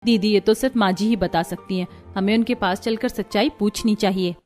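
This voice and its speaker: A woman's voice: mid-range voice, steady tone, fairly quick, darkish tone, soft background music, lightly acted. A woman voicing a curious, earnest young daughter-in-law in a cartoon. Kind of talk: cartoon voice acting.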